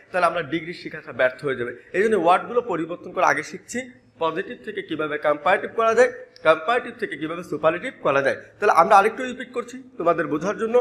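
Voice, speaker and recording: A male teacher with a high voice runs through a grammar lesson at a rapid clip. He spells words out letter by letter and keeps turning to his students to ask for their attention. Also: bright, forceful tone. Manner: spells words letter by letter and repeats key terms; addresses students directly, prompting attention. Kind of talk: classroom-style grammar lesson.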